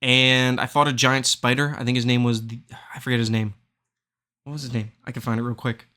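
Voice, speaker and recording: A man's voice: mid-range voice, little pitch movement, a little fast, bright, forceful tone. A man hosting a gaming podcast in casual chat, rambling and searching for words. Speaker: podcast host.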